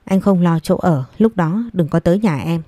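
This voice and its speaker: A woman's voice: fairly low pitch, moderate pace, dark tone, no room sound, close to an everyday voice. A woman voicing a blunt middle-aged man who talks down to his older brother in a scolding way. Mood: dismissive. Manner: curt, scolding.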